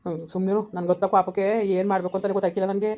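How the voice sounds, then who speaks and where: A woman's voice: medium pitch, flat delivery, very fast, dark tone, lightly acted. A woman playing a stern, resentful elder brother who bluntly scolds his sister but agrees to help, in an amateur village drama. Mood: scolding.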